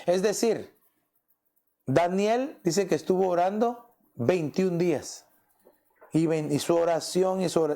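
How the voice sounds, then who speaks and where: Man, pastor, conversational sermon, mellow warm tone, rhetorical questions. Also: on the high side, gravelly. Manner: asks rhetorical questions, often adds "¿verdad?".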